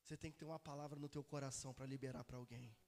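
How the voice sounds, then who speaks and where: A male pastor preaching a live sermon in church, calling out to the congregation and swinging between loud cries and hushed asides. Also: medium pitch, fairly even intonation, racing. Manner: calls out to the congregation for responses. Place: church service.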